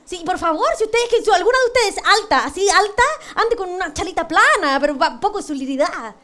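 A Chilean woman performs a stand-up comic monologue on a TV panel show, her voice extremely high, animated, fairly quick and fairly bright. Her punchlines are cheeky, self-mocking and crude. It was recorded in a TV studio, with the audience laughing in the background.

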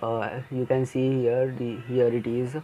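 Man, engineering tutor, worked-problem lecture, unhurried, monotone, hesitant fillers. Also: medium pitch. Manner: slow, hesitant explaining with fillers and self-corrections. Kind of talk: worked-problem lecture over handwritten notes. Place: at a desk, filming a notebook.

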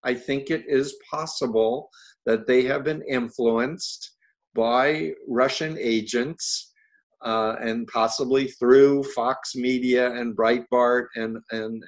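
A man's voice: medium pitch, steady tone, slow pace. Male interview host, mid-range voice, earnest, stumbles over repeated words. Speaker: host and cult expert. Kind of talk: conversational interview.

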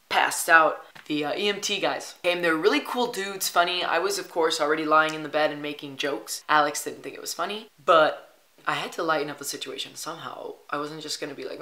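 Woman, 20s, casual vlog, chatty, upbeat, low voice, echoey room. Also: sharp tone. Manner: chatty and upbeat, heavy use of "like". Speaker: travel vlogger.

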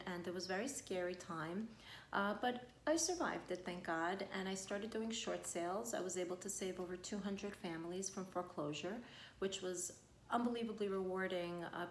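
Speaking to camera in her living room, this woman in her 40s gives a casual personal introduction, rambling about her work as a real estate broker with plenty of fillers. She was born in Argentina and grew up on Long Island, New York; her voice is low, and the echoey recording has slight background noise.

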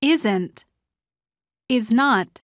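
A woman's voice: on the high side, animated, drawn-out words, no echo, clean studio sound. A woman saying model words and short sentences for a language course drill, carefully enunciated. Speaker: model speaker in course audio. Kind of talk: scripted vocabulary drill.

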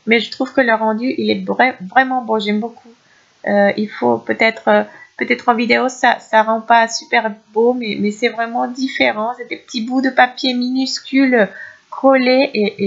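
A woman's voice: a little high, gravelly, highs cut off. A woman hosting a craft tutorial at home, talking casually with many restarts and fillers.

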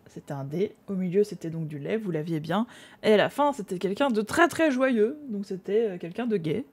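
A woman's voice: medium pitch, expressive, moderate pace, darkish tone, husky. A young woman streamer chatting casually to her viewers while drawing, laughing often and muttering to herself.

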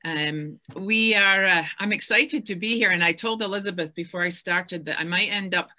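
Bright-voiced Scottish woman, chatty. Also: mid-range voice, normal speed. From west coast of Scotland. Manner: enthusiastic, chatty, many fillers. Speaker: interviewer. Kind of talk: casual book-event chat.

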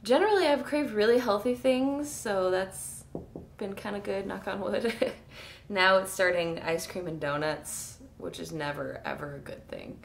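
A woman vlogging casually with a hoarse, fading voice, chatty and self-mocking and laughing often. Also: mid-range voice, measured pace, slight background noise. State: hoarse, losing her voice. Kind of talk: casual pregnancy vlog.

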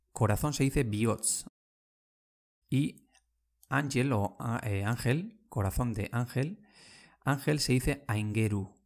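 In a mid-range voice with vocal fry, a Basque teacher leads an informal lesson, patiently explaining words at a slow pace. He repeats them and keeps asking listeners "¿vale?"

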